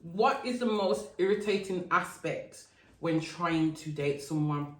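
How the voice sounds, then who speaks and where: A woman's voice: fairly low pitch, animated, a little slow. A woman hosting a casual chat, playful and chatty, eating while she talks, recorded outdoors. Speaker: host. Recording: roomy sound from a distant mic.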